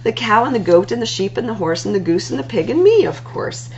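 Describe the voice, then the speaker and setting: A woman leads a library storytime, giving a lively, lilting reading of rhyming picture books and stretching out her words. Her pitch varies a lot, and her tone carries a creaky rasp. The sound is lo-fi, with a faint hum and mild noise.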